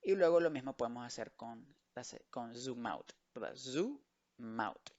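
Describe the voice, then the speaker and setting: The recording cuts off the highs on this man's medium-pitched, slightly mellow voice. In an online class for children, he teaches English words, mixing Spanish and English and slowly, patiently repeating each one.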